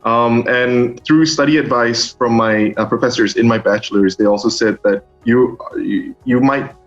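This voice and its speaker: A young man from Singapore, a master's student, answering interview questions in a halting way full of ums and restarts. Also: mid-range voice, steady tone. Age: young adult. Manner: hesitant, many ums and restarts. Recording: dull lo-fi sound with faint music.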